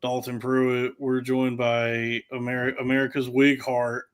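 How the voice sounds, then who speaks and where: A man's voice: medium pitch, completely flat delivery, unhurried, clear, resonant tone. A male podcast host with a mid-range voice who stumbles through joking introductions. He keeps the banter loose and casual.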